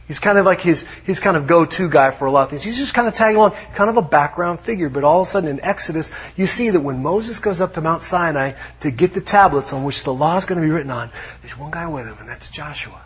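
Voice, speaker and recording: Male pastor, sermon delivery, husky and slightly high voice, dull lo-fi sound. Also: expressive, brisk. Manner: conversational, drops to hushed tones for emphasis.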